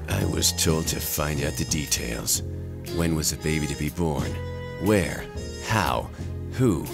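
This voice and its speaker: An actor playing a brooding hard-boiled detective, narrating in film-noir style over guitar music. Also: male voice, a bass voice, takes it slowly, gravelly, full character voice.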